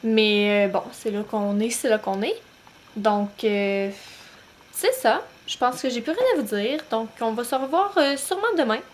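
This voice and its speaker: A young woman with a Québécois French accent talking casually to camera at home as a new-mom vlogger, relaxed and full of hesitant pauses. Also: fairly high pitch, a little hiss or hum. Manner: chatty, many "euh" pauses, relaxed. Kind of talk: casual vlog talk to camera. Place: home, bedroom at night.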